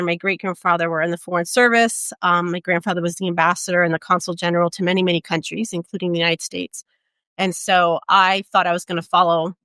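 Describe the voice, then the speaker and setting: Low-voiced woman telling her story. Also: pushed and bright, dry recording. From Portugal. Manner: reflective, storytelling, frequent "um" and "right?". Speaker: interview guest, luxury travel advisor. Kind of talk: conversational interview.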